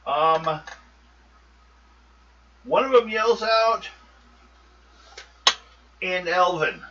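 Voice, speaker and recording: A man's voice: high voice, drawn-out words. A man narrating a tabletop game as game master, talking loosely with frequent ums. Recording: muffled, distant mic with steady noise.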